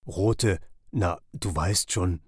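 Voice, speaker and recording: A man's voice: low-pitched, very slow, slightly rough, no echo, clean studio sound, exaggerated voice. A man voicing a good-natured, clumsy otter in a children's audio story, hesitant and sheepish.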